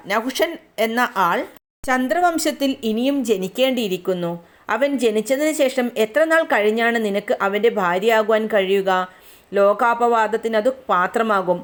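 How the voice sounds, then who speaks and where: A woman's voice: on the high side, normal speed, natural voice. Woman reading as a proud lovestruck demon prince. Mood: scornful. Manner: formal courtly pleading.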